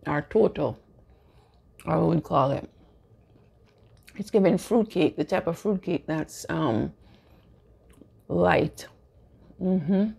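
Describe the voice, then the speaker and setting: A woman vlogging at home in a relaxed, chatty way, with many fillers, sometimes talking while eating and turning earnest when she preaches. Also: low-pitched, a little slow, creaky, pauses often, husky. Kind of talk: casual home baking vlog.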